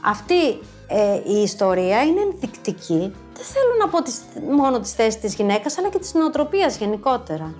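A woman in her fifties, a former social worker, telling a personal story to an audience in a lively, animated way. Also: a little high, faint music behind. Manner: lively, animated, acts out quoted voices.

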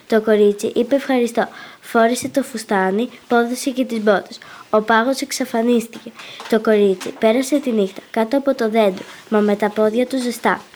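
A woman reading a folk tale aloud in a plain, steady way. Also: a little high. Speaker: storyteller.

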